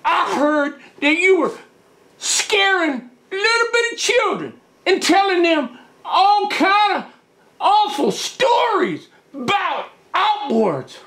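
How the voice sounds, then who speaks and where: A blustering backwoods fisherman hollers in a very high, gravelly squeak. He drags every word out slowly, and his voice cracks and swoops as he boasts and threatens. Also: very animated, pushed and bright, heavily acted. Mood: threatening. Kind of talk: comic character skit.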